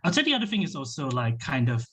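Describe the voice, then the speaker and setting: A man's voice: mid-range voice, big pitch swings, racing, sharp tone, slightly rough. A young man from Malaysia, a workshop participant, talking casually on a video call and rambling with many fillers and restarts. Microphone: laptop webcam on a video call.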